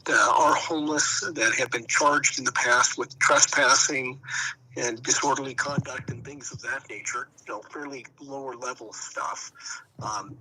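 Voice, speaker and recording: A middle-aged man, a public defense attorney, talking over a speakerphone as an interview guest, halting with frequent "uh" and "um" pauses. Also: medium pitch, pushed and bright, slight background noise, rough recording. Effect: heard over a speakerphone.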